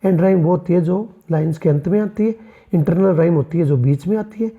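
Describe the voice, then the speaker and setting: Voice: medium pitch, a little fast, narrow, tinny audio. A literature teacher giving an exam-prep lecture, asking rhetorical questions and answering them, addressing the students as friends and mixing in English terms. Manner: mixes English terms into explanations.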